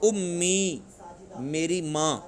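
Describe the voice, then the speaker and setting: A man's voice: on the high side, background noise. A man with a Pakistani Urdu accent teaching a classroom grammar lesson, drilling students with repeated questions. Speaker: religious teacher.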